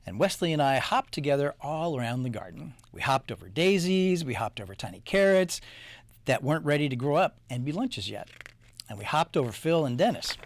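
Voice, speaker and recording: A man narrating a children's storybook in a playful, animated way. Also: fairly high pitch, a little fast, no echo. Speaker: storybook reader.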